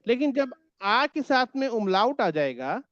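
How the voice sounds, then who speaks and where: A man's voice: very high voice, very animated, takes it slowly, fairly bright tone, dull audio. A man teaching a German class online in Hindi, patiently repeating words so his students can echo them.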